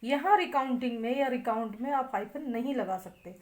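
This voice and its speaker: A woman teaching a lecture, spelling words out letter by letter and drawing out syllables slowly, with an Indian English accent on English words. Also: fairly high pitch, darkish tone. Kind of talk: classroom lecture.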